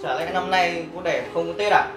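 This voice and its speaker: A man's voice: sits high, normal speed, natural voice. A man playing an irritable young husband. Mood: irritated. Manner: irritable, complaining. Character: impatient young husband and son. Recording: roomy, with music underneath.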